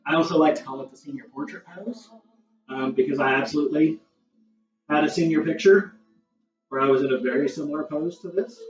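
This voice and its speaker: A man with a somewhat high voice guides a beginner yoga class, his cues calm and encouraging with relaxed asides. He sounds a little short of breath. The dull, distant recording has a roomy echo and faint music underneath. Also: fairly quick. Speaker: yoga instructor.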